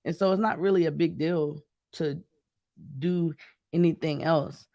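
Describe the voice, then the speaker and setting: Excitable man with a dry, close sound. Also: a little high, measured pace, no echo, lo-fi sound. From Midwest US. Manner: chatty and excitable, with animated storytelling. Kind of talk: casual chat.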